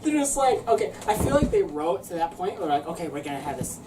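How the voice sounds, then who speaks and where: A woman with a fairly low voice co-reviews a film, hesitant and stammering over her restarts, her pitch moving a lot as she goes. She sounds set back from the microphone, with clear background noise around her. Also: sing-song, fast. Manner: hesitant, stammering restarts, then jokey outbursts. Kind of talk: casual comedic movie review. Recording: distant mic with noisy background.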